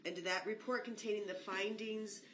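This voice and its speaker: A woman's voice: medium pitch, steady tone, normal speed, a bit bright. A woman prosecutor questioning a witness formally and methodically. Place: courtroom. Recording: echoey courtroom, distant mic, faint noise.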